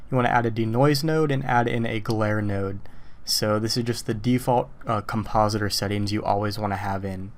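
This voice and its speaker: A man who says he is losing his voice, casually talking through a software tutorial step by step as he works. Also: medium pitch. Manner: casual, relaxed, talks through steps as he works. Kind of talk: screen-recorded tutorial walkthrough.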